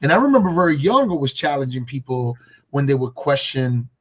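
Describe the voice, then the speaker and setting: A man's voice: medium pitch, very animated, brisk. A man from Colombia, a guest on a video call, telling his story in a reflective, casual way with many fillers and restarts.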